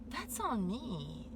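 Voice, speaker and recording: A woman giving a meandering spiritual monologue, full of "like" and "you know" fillers. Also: mid-range voice. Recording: steady background noise.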